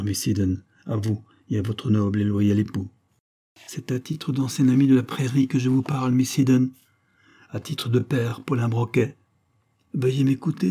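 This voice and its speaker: A man's voice: mid-range voice, dark tone, lightly acted. A man voicing a grave, formal male secret-society master in an audiobook, speaking in a solemn, ceremonious way.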